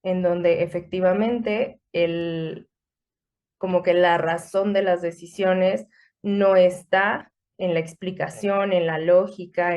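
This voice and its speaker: Slow, measured woman therapist. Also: fairly low pitch, a little mellow. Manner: measured, explanatory, many fillers. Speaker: psychotherapist guest. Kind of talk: clinical explanation in conversation.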